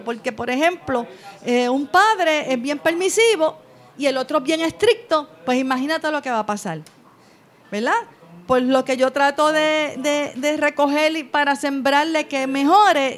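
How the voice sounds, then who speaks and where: A middle-aged woman giving a conversational talk on parenting from slides, often checking in with "¿verdad?". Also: high voice. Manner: presents from slides. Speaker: parenting educator.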